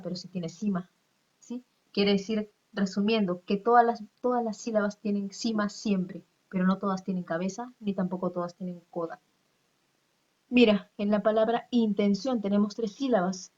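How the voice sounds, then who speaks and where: A woman's voice: medium pitch, a little mellow, highs cut off. A woman teacher, explaining step by step in a recorded class lesson and checking that her students follow.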